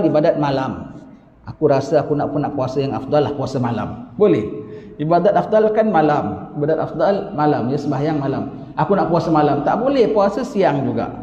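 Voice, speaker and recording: A man's voice: on the high side, mellow. A man with a Malaysian accent giving a religious lecture, reading from a book and then explaining it with asides and rhetorical questions. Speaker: religious teacher. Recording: dull lo-fi recording in an echoey hall.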